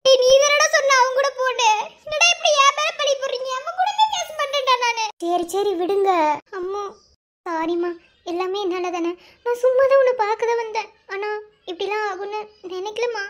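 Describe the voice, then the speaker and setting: Woman doing very high-pitched Madurai cartoon girls. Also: animated, a bit bright. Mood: tearful. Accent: Madurai Tamil. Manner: scolding, quick village slang. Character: young village women of a family, bickering and tearful. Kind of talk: animated family cartoon dubbing.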